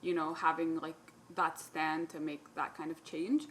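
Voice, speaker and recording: Giggly young woman, lowish voice. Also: level tone, unhurried, a bit bright, slight background noise. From Palestinian, grew up in the UAE. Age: young adult. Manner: giggly, laughs often while talking. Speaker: podcast guest. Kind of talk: casual chat.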